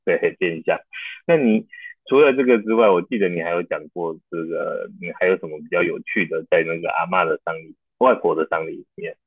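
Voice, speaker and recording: A man hosting a casual interview, relaxed and laughing often, asking follow-up questions. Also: low voice, a little fast, slightly rough, dry recording. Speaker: host. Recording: dry phone-like line.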